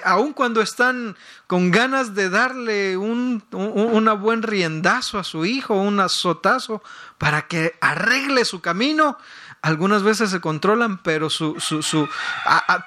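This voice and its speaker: Pastor guy preaching, high and bright, keeps repeating words and getting loud. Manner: emphatic, rises to loud peaks and repeats words. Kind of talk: sermon.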